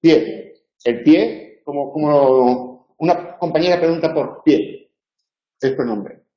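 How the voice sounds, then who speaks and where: A man from teaching a university tutorial, going through spelling examples slowly and checking in with "¿eh?". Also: a little high. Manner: slow, deliberate spelling drills with questioning "¿eh?". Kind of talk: recorded tutorial lecture. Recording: roomy, dull lecture recording.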